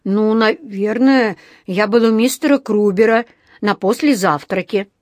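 A woman voicing a small, polite, naive bear cub with a bright, earnest voice. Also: medium pitch, measured pace, no echo, studio quality, close to an everyday voice.

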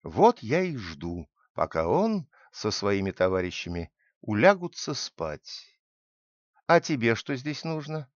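A man puts on a hateful male devil who speaks low and threatening. His pitch moves in wide, lively arcs. The sound is dull and dry. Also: slow pace, no room sound. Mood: menacing.

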